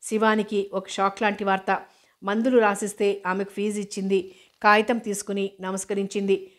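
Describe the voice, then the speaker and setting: A woman reads a novel aloud at a middle pitch. Her delivery stays level, with little rise or fall. She keeps a steady narrating pace and sometimes restarts a word. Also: moderate pace. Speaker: audiobook narrator. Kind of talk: novel reading.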